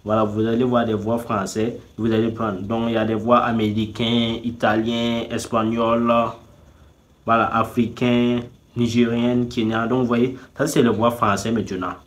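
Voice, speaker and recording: Clicking through a website at normal speed, this YouTube host narrates a relaxed screen-recording tutorial in a middle-pitched voice. "Tout simplement" crops up again and again, and he keeps addressing viewers directly with playful nudges to subscribe.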